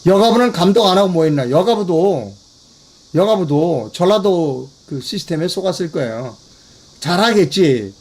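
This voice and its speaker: A man's voice: high voice, animated, normal speed, a little mellow. Emphatic Korean man hosting commentary. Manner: emphatic, repeating key phrases, addressing viewers directly. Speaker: commentary channel host. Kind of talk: political commentary broadcast.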